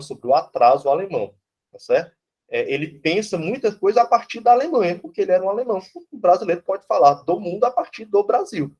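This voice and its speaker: A Brazilian philosophy professor lectures informally and bluntly, casually swearing and tagging his lines with "né?" and "tá certo?" in a conversational way. His voice sits high with a darkish tone and a breathy edge, and the sound is lo-fi.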